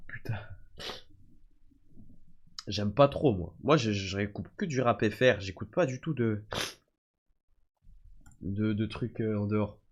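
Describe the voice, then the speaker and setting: A young, often-sick streamer from France narrates stories to his viewers in relaxed slang, using "les gars" and "frère." His lowish voice moves a little slowly, pauses often, and has a breathy edge, all through a muffled recording.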